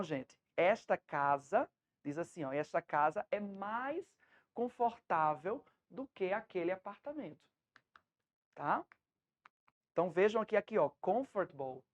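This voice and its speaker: A woman's voice: on the low side, muffled recording. A woman with a Brazilian Portuguese accent, an English teacher giving a patient, step-by-step lesson to a class at home, checking often that students follow.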